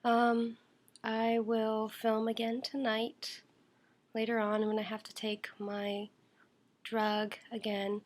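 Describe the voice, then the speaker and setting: A woman's voice: fairly high pitch, monotone, takes it slowly. Young woman rambling through a video diary. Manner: rambling, many fillers, talks while eating. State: unwell, tired. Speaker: vlogger. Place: at home, indoors.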